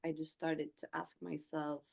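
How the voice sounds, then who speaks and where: A woman in her forties from Sweden, a guest telling her personal story in a soft, hesitant way with many pauses and restarts. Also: low voice, little pitch movement, creaky, low-quality recording. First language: Swedish. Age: 40s.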